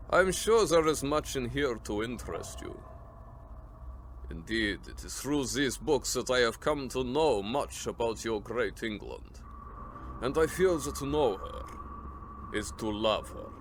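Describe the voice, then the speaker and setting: A man playing a courtly, sinister vampire count, an old Transylvanian nobleman, with formal, deliberate radio drama delivery. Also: mid-range voice, expressive. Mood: wistful, courtly. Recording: faint background ambience noise.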